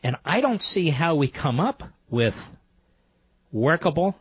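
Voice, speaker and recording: American man, higher-pitched, infomercial-style radio pitch. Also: slightly rough, no room sound, highs cut off. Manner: emphatic sales pitch, repeating offers and phone number. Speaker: talk radio host. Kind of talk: infomercial-style live ad read.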